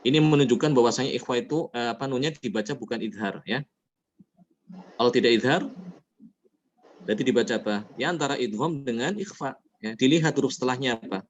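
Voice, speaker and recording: A man teaching Quran recitation rules, explaining each rule and then reciting the examples slowly and melodically. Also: mid-range voice, dull audio, a little hiss or hum. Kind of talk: tajwid lesson.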